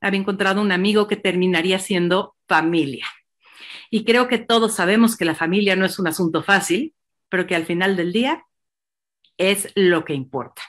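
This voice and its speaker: A woman's voice: mid-range voice, brisk. A Mexican woman hosting a virtual book presentation, effusive and rambling, with many fillers. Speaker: host.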